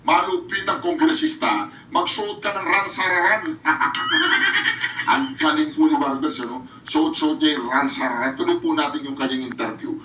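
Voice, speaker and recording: A man's voice: a little high, expressive, normal speed, bright, forceful tone, echoey room, distant mic, soft background music, rough recording. A man doing mocking reaction commentary, taunting, often bursting into laughter and addressing his viewers directly. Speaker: reaction vlogger.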